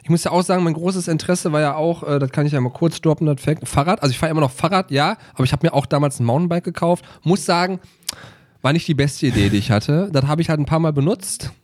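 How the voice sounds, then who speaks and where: A man's voice: fairly high pitch, quick pace, a little mellow. A man co-hosting a comedy podcast in a laid-back, casual way, often hesitating with fillers. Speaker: podcast co-host.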